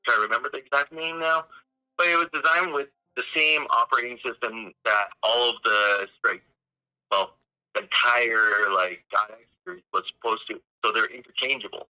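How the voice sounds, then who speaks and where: A man's voice: medium pitch, normal speed, bright, forceful tone, smooth, low-quality recording. Man on a speakerphone call. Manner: searching for names as he explains. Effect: heard over a phone on speakerphone. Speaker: phoned-in guest expert. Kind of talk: casual phone chat.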